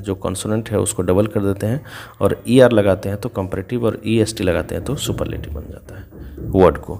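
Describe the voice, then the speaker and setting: A man's voice: lowish voice, gravelly, mellow, husky. A man teaching English grammar, patiently explaining each rule step by step and spelling words out letter by letter. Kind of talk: explaining grammar rules in Hindi.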